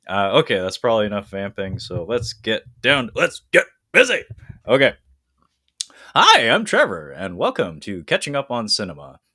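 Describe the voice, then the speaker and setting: A man's voice: mid-range voice, bright, forceful tone, no echo, clean studio sound. A man congested with a cold, his voice phlegmy and rattly, hosting a podcast in casual, wordy, self-deprecating chat. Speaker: podcast host.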